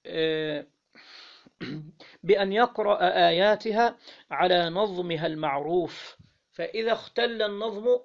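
A man with an Egyptian accent teaching Islamic law, reading a legal text aloud and then explaining it, often pausing to quiz his listeners. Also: high voice, creaky, highs cut off. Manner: reads the text then explains, quizzing listeners with "what?" pauses.

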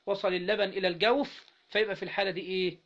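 The recording is dull and lo-fi. A man whose voice sits high, creaky and fairly bright, with fairly even intonation, races through a classroom lesson on Islamic jurisprudence in an Egyptian Arabic accent. He reads the text aloud, explains it, and keeps prompting students with questions to fill in words.

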